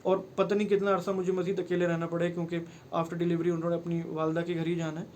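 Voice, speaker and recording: Earnest high-voiced man. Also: monotone, quick pace, a little mellow, slight background noise. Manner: earnest and pleading, mixing in English phrases. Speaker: vlogger. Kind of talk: personal advice talk to camera.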